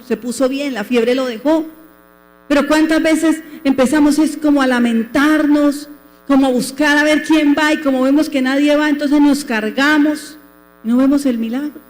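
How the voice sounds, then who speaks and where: Colombian woman pastor, high-pitched, preaching to the congregation in a reverberant hall over faint music. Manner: preaching with questions to the congregation and acted-out quotes. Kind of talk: sermon. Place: church.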